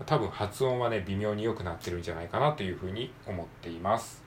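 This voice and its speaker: Low-voiced man drilling pronunciation aloud. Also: slight background noise. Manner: repeats words slowly, drilling sounds; thinks aloud with many fillers. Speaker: English learner practicing pronunciation. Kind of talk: casual solo reading-aloud practice.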